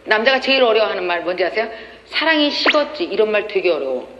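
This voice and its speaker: A woman giving a lively lecture, telling stories and acting out quoted dialogue with frequent laughter. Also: mid-range voice, very fast, lo-fi sound. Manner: animated, acts out quoted dialogue, laughs often. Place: lecture hall. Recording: echoey hall with faint noise.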